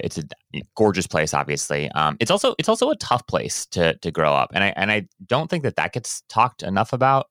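A man in his thirties from Hawaii with a very low, smooth, resonant voice, chatting casually as a podcast guest. He talks in a relaxed, rambling way, full of fillers and restarts, from a small closet studio with a dry, close sound. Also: dry recording. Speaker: guest, business owner. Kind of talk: casual conversational interview.

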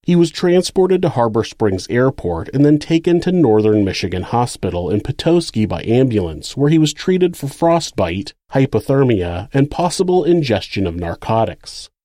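A man's voice: medium pitch, very animated, normal speed, few pauses, mellow, no echo. Man narrating true crime, dry close recording. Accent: American.

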